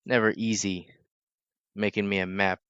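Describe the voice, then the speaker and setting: A man voicing a calm, protective male servant in a tabletop game, speaking low and quietly. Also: moderate pace, clean tone, no echo, lo-fi sound, natural voice.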